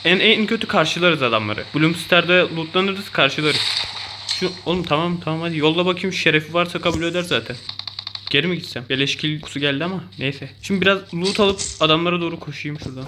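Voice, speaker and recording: A young man with a Turkish accent giving excitable, self-mocking commentary over mobile game play. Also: on the high side, a little hiss or hum. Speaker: gaming YouTuber.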